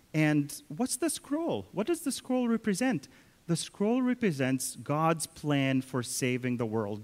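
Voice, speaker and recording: A man preaching a sermon in storytelling fashion, often turning to speak to the children. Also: a little high. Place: church. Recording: long reverb of a church hall.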